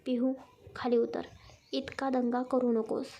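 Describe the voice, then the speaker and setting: A woman voicing a patient, caring young man who coaxes and gently scolds. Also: fairly high pitch, level tone, unhurried, slight background noise. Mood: coaxing.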